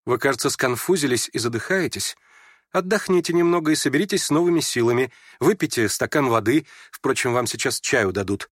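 A man's voice: mid-range voice, expressive, fairly quick, a bit bright, dry recording, studio quality. A man reading aloud and voicing a proud, ironic young noblewoman in a storybook reading. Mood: cool mocking. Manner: haughty, ironic questioning.

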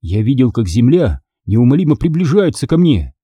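A man's voice: medium pitch, sing-song, normal speed, warm tone, slightly rough, no room sound, highs cut off. A man narrating an audiobook with dramatic storytelling. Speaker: audiobook reader.

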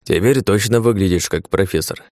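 A man's voice: deep voice, normal speed, darkish tone, no room sound, studio quality, close to an everyday voice. A man doing a teasing grinning gunman. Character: mocking cheerful Polish gunman.

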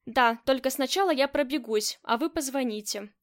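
A loyal, easygoing young bodyguard with a light, teasing way of speaking, in an audiobook, read in a high voice by a woman. He stays respectful while he jokes. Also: normal speed, natural voice.

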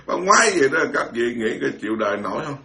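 A man's voice: medium pitch, very fast, fairly bright tone. A man, a Buddhist monk giving an informal dharma talk, blunt and scolding, mocking others and stammering through repeated words.

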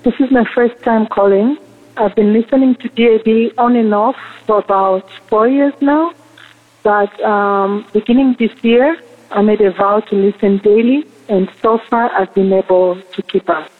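A woman from Tanzania calls in, speaking in a polite, measured way to ask for prayer. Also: mid-range voice. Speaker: caller. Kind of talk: phoned-in prayer request. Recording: tinny phone line.

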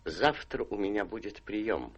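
Powerful lord, deep pitch, raspy, commanding, calculating, measured, theatrical radio drama. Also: male voice, sing-song, exaggerated voice. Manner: imperious, measured. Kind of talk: theatrical radio play acting.

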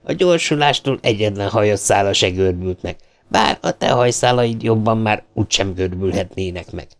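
A man voicing a calm, wry male astronaut who speaks reassuringly. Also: lowish voice, close to an everyday voice.

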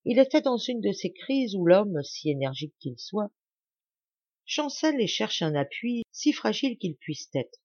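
Woman narrating a novel with breathy voice. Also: mid-range voice, unhurried, no echo, dull audio. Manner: expressive, dramatic reading. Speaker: audiobook reader. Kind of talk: scripted literary narration.

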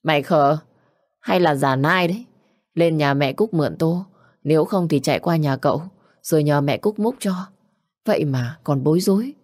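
A woman's voice: low-pitched, normal speed, darkish tone, no room sound, clean studio sound. A woman voicing a grown man who acts as a fond uncle, chiding and giving fatherly advice. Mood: teasing.

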